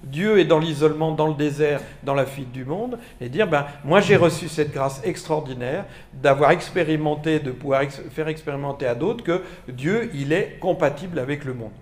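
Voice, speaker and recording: A man who is a Jesuit priest giving a lively, playful conference talk to school staff. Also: on the high side, moderate pace, hardly any pauses. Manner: animated, playful, makes buzzing sound effects.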